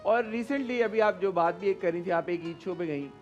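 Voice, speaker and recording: A man's voice: sits high, normal speed, highs cut off, soft background music. A man hosting a talk show, asking questions casually and prompting his guest, mixing English in. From Pakistan.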